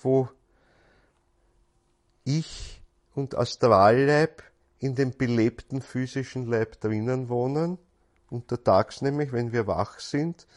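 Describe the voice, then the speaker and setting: A man's voice: mid-range voice, darkish tone. A man gives a spiritual lecture in a thoughtful, searching way, often repeating words as he goes.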